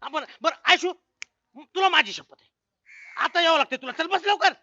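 High bright young man pleading. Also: normal speed, no echo, highs cut off. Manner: pleading, flustered, rural Marathi speech. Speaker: village comedy sketch actor. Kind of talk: rustic comic skit acting.

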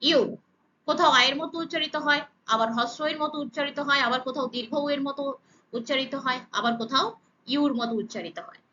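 A woman teaching English pronunciation, slowly spelling out letter sounds one by one in a deliberate, emphatic way. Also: high-pitched, pushed and bright, dull audio, slight background noise. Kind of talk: slow, deliberate pronunciation lesson.

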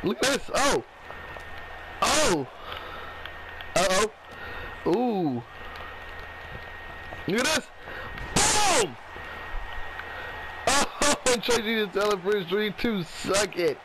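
A man's voice: sits high, very animated, noisy background. A man doing wrestling commentary over a video game match, casual and full of exclamations. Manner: exclamatory, drawn-out reactions. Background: video game wrestling arena sounds.

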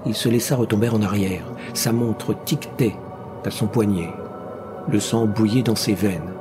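A man narrating a science fiction story as an audiobook reader, with a measured, dramatic delivery. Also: fairly low pitch, over music. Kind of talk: scripted narration.

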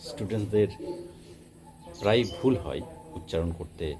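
A man's voice: fairly low pitch, normal speed. A man with a Bengali accent teaching English pronunciation, spelling words out letter by letter and explaining them with care. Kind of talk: pronunciation lesson.

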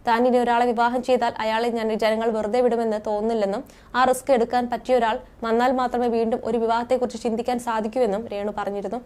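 Fast-reading woman news narrator. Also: a little high, smooth. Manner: brisk, steady news reading. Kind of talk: scripted news voice-over.

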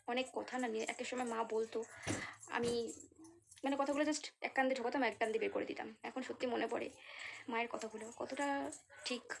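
A woman's voice: a little high, steady tone, brisk, gravelly, long pauses, a little hiss or hum. A young woman with a Bengali accent, chatting casually in a home vlog, sounding tired and unwell. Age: young adult. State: feeling unwell. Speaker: vlogger. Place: home kitchen and courtyard.

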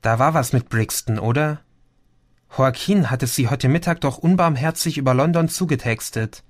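A man with a mid-range voice narrates a science fiction audiobook, reading his script in a calm, measured storytelling manner. The recording is dry, with clean studio sound.

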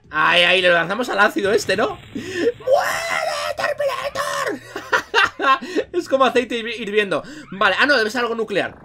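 A man with a Spain Spanish accent commentating his game playthrough, excitable, jumping between muttering and yelling. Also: high-pitched. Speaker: gaming YouTuber.

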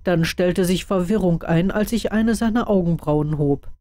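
A woman reading a story aloud in a calm, even manner. Her voice is fairly low for a woman and has a dark, mellow tone. The recording is dry and close, with no room sound. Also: moderate pace, no room sound. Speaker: narrator. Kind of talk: audiobook reading of fan fiction.

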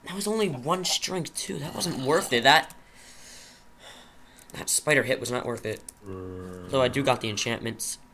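A man's voice: mid-range voice, measured pace, pauses often, pushed and bright, slight background noise. Jittery young man rambling through a game. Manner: jittery, rambling, talks to himself. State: nervous, shaky. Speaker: gaming channel host. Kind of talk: Minecraft commentary.

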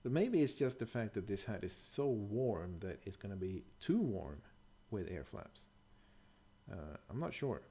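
A middle-aged bushcraft presenter records a casual, explanatory voice-over in a fairly low, warm, slightly rough voice with a sing-song lilt, speaking a little slowly. He sounds thoughtful and a bit hesitant, using fillers and correcting himself.

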